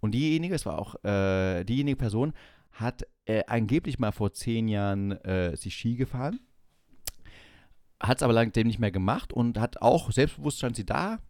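Chatting casually, the podcast co-host, a young man, works through a long story from his own life and performs the quoted dialogue with animation. He speaks at medium pitch and normal speed, and the studio-quality recording has no room sound.

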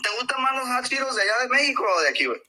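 High, bright Mexican man joking around. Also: big pitch swings, rapid-fire. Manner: slangy, profane, joking. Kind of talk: casual bilingual chat, Spanish with some English.

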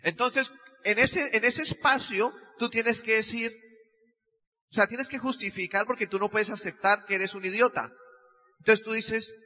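A young man telling a personal story to an audience, animated, acting out the voices in his quotes. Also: high-pitched, unhurried. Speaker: speaker. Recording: lo-fi sound in a hall with long reverb.

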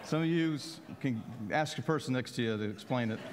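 A man's voice: medium pitch, brisk, background noise. A man preaching a sermon as pastor, talking conversationally with frequent asides and tag questions. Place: church sanctuary. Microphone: worship mic. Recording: long reverb of a church hall.

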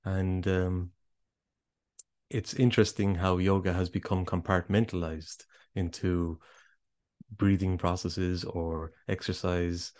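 A man's voice: low voice, level tone, slow, a little mellow, no room sound, studio quality. A man, an author and yoga teacher, answering interview questions in a thoughtful, hesitant way.

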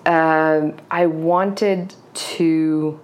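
A woman novelist whose first language is Serbo-Croatian answers interview questions in English as a guest. Her low, slightly mellow voice moves very slowly with fairly even intonation, full of hesitations, restarts, fillers and a reflective hunt for words.

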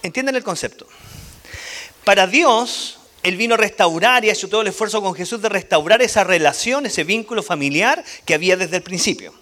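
Guy giving a bible talk, high and kinda sharp sounding, keeps asking the room questions. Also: brisk. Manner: animated, asks the audience questions. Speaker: church teacher.

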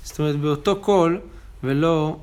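A man's voice: on the high side, clean tone. Man teaching a Talmud page. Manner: explains texts, chanting quotations louder. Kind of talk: daily Talmud class.

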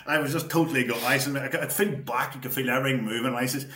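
A man's voice: medium pitch, fairly even intonation, fast talker, sharp tone. Guy spinning old match stories, laughs a lot, repeats himself, roomy echo. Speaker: former player. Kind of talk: storytelling chat.

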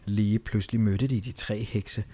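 A man's voice: on the low side, steady tone, mellow. A man reading a fairy tale aloud and joking with friends in casual chat. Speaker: storyteller and podcast host.

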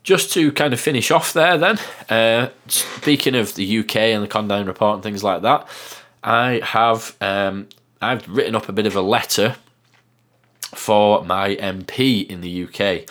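Male podcast host, northern English accent, low deep voice, casual rambling delivery. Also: a little slow, fairly bright tone. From northern England. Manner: rambling, many fillers and restarts. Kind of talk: casual monologue.

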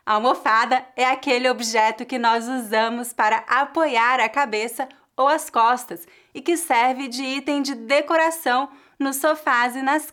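A Brazilian woman teaching a language lesson with careful, deliberate pronunciation and a Brazilian accent. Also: high voice, a bit bright. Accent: Brazilian Portuguese. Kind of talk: clear, slow language lesson.

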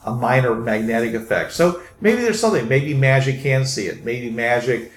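A male game master narrates and explains a tabletop game. His phrasing is halting, with words repeated as he thinks. He is in an echoey room with clear noise. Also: mid-range voice, expressive. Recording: roomy echo, clear background noise.

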